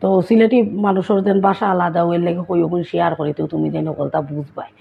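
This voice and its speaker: Raspy Sylheti woman, tinny phone sound. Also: fairly low pitch, fast. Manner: chatty, asks listeners if they follow. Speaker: vlogger. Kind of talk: casual vlog chat.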